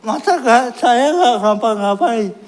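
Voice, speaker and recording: A man delivers a personal testimony sermon at a slow, unhurried pace. He pokes fun at himself and laughs through his story, then turns earnest as he recounts his prayers. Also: extremely high pitch, lively intonation. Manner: self-mocking, laughs at his own story. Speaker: preacher giving testimony.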